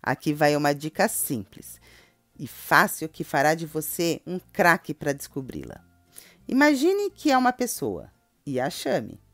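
A Brazilian woman teaching a children's grammar lesson, calling out example words in a drawn-out, sing-song voice. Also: low voice, sing-song, fairly bright tone, dry recording, faint music behind. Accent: Brazilian Portuguese.

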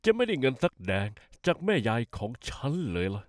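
An actor playing a smug, scheming in-law who taunts and mocks in a dubbed soap opera. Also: male voice, medium pitch, huge pitch swings, fairly quick, dry recording, studio quality. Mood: taunting. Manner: mocking, taunting.

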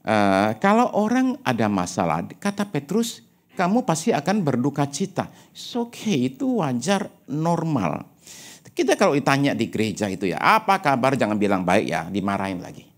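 A male pastor preaching a sermon with animated, humorous, personal storytelling, dropping English phrases into his speech. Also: mid-range voice, normal speed. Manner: animated preaching with frequent rhetorical asides.

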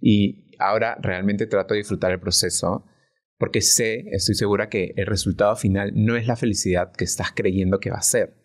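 Un hombre invitado a un pódcast que habla de forma sincera y reflexiva, y que busca a menudo la confirmación de su interlocutora. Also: male voice, fairly low pitch, steady tone, normal speed. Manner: earnest, reflective, often checks in with "¿no?". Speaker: podcast guest. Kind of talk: casual podcast conversation.

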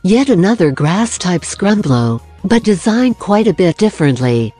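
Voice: mid-range voice, big pitch swings, unhurried, mellow, slightly rough, soft background music. A narrator reading a scripted voice-over for a drawing video, with dry, self-deprecating humor.

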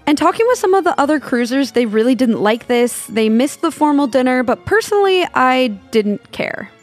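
A young woman narrating a casual travel vlog, chatty and candid, with plenty of "like" and "you know". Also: on the high side. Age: young adult. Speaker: travel vlogger. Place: cabana day bed on a beach, outdoors.

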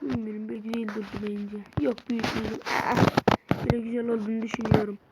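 A woman's voice: fairly high pitch, flat delivery, fast talker. A woman giving casual, rambling let's-play commentary and chatting to her viewers while she plays. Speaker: gamer. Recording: noisy home mic with clicks.

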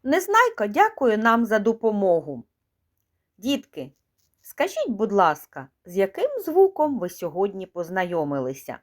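A woman teaching a slow, sing-song speech lesson to small children, repeating each word clearly. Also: medium pitch, wildly swooping pitch. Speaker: kindergarten teacher. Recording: echoey room.

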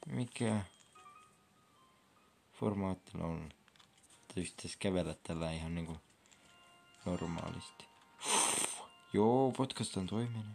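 Speaking in a low, creaky, dark-toned voice with frequent pauses, a young gaming vlogger talks casually through his gameplay. He's chatty and lets out sudden whoops and squeals while faint game music runs underneath.

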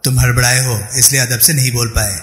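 A man voicing a sharp-tongued male investigator who scolds and sweetly mocks, in a story reading. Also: medium pitch, steady tone, fairly quick, natural voice. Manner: scornful, then sweetly condescending. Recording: roomy reverberant room, faint music.

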